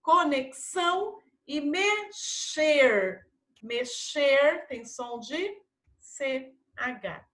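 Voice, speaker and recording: Slow, bright-voiced Brazilian schoolteacher. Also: female voice, sits high, echoey room. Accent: Brazilian Portuguese. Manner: slow, drawn-out pronunciation of example words; patient and encouraging. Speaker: primary school teacher. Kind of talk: recorded classroom lesson.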